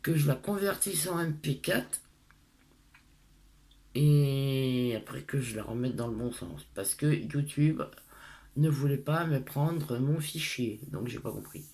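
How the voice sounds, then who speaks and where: A woman's voice: low-pitched, vocal fry, dark tone. A middle-aged woman from France with a lisp on her s sounds, chatting casually to her followers in a hesitant, rambling, self-deprecating way. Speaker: craft tutorial vlogger.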